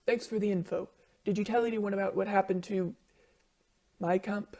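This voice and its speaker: A woman doing a quiet, gravelly young man. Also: medium pitch, steady tone, moderate pace, lightly acted. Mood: soft, hesitant. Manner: quiet, hesitant and soft. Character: soft-spoken gentle young man survivor. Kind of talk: amateur audio drama.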